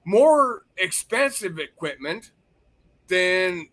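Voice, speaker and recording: A man's voice: high-pitched, animated, extremely slow, a bit bright. A man hosting a livestream, chatting casually and swearing freely as he rants. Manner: profane, rambling, heated when ranting. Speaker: stream host.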